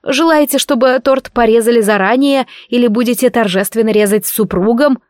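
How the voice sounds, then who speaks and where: A woman voicing a brisk, obliging female wedding organizer with a bright, raised voice. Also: a little high, no echo, studio quality, natural voice. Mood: eager, obliging.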